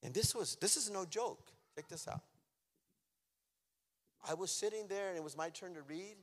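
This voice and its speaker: A man giving an emotional personal testimony, swinging from loud outbursts to near-whispers. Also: high voice, normal speed. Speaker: testimony speaker. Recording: long hall reverb.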